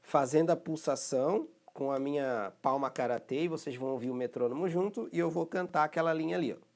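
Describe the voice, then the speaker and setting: A man's voice: fairly high pitch, fairly quick, a little mellow. A man with a Brazilian Portuguese accent teaching a recorded rhythm lesson, explaining patiently and often checking that students follow. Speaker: music teacher.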